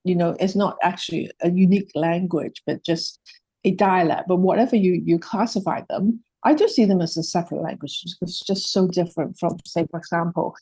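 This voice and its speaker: A woman with a Hong Kong accent, whose native language is Cantonese, presents a project hesitantly, full of fillers and restarts. Her voice is fairly low, fairly quick, mellow and husky, and the recording is dry.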